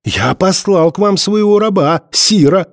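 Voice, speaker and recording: A man voicing an injured young man who talks in a hurried, anxious way. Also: high-pitched, expressive, no room sound, clean studio sound, pitched above the performer's own voice.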